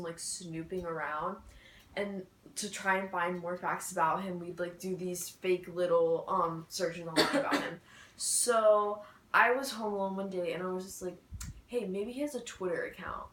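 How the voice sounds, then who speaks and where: A woman's voice: mid-range voice, fairly even intonation, normal speed, a bit bright, echoey room, slight background noise, rough recording. A teenage girl telling a story in a casual vlog chat, full of "like" fillers. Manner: chatty, many "like" and "so, yeah" fillers. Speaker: vlogger.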